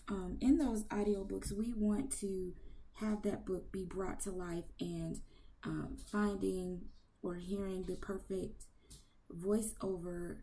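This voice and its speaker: A woman's voice: fairly low pitch, mellow. A woman hosting an interview, asking long rambling questions in casual chat. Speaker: interview host.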